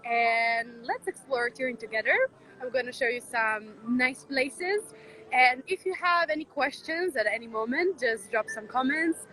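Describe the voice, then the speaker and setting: A young woman hosts a casual city tour vlog outdoors in a square. Her voice is crisp and bright and sits fairly high, and she talks in a friendly way with many fillers. Light street noise stays in the background. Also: expressive, unhurried, rough recording. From Croatia. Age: young adult. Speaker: vlog host and student guide.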